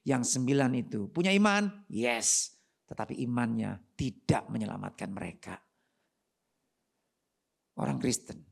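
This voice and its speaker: A woman pastor, preaching an animated, slangy sermon full of rhetorical questions. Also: a bass voice, creaky, husky. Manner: slangy and conversational in the pulpit.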